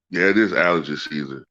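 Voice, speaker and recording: A low-pitched man talks loosely to live viewers in a colloquial, sweary way. His nose is blocked by a cold, giving a thick, congested nasal sound. The audio is dull and lo-fi. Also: sharp tone. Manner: profane, colloquial, peppered with "man" and "you know". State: congested with a head cold, clearing throat. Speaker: sports talk livestream host. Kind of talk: casual rambling chat to live viewers.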